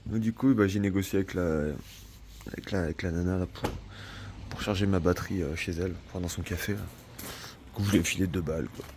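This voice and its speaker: A man chatting casually for a vlog in a slangy, joking, expressive way. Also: deep voice, fairly quick, slight background noise. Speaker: vlogger living in a camper truck.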